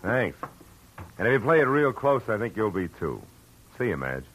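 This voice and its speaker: Philip Marlowe, deep and wry. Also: male voice, very animated, normal speed, noisy background. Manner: wry, clipped, world-weary. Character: hard-boiled male private detective narrator. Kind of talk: 1940s radio drama narration and acting. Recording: old radio broadcast with music underneath.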